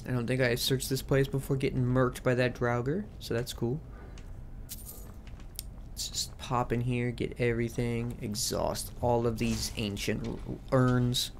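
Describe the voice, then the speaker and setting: A man's voice: medium pitch, flat delivery, a little slow, vocal fry, a little hiss or hum. A man hosting a gaming video with casual, rambling, jokey and slangy commentary.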